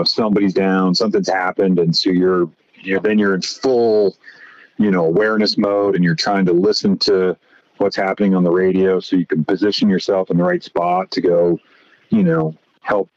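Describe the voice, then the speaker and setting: Man, very low voice, podcast guest, rambling casual storytelling, dry slightly muffled audio. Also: darkish tone, dry recording. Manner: rambling, many fillers like "you know" and "right?".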